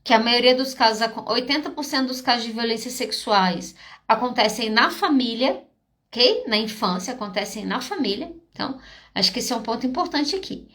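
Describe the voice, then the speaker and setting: A Brazilian psychologist, a woman with a Brazilian Portuguese accent, hosts a live podcast and answers audience questions. Her voice is on the high side and a bit bright, with lively intonation at a moderate pace. She's direct and emphatic, pressing her points home with short check-ins to listeners.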